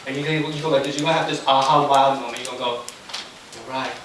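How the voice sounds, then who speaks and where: A man preaching a sermon as pastor, animated and quizzing his congregation. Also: mid-range voice, racing, a little hiss or hum. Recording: echoey room from far off with crowd. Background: congregation voices.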